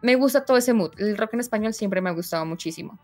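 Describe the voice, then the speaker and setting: A young woman, a streamer being interviewed, telling stories in a casual, animated way and acting out her own reactions. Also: medium pitch, fast, faint music behind. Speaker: streamer guest.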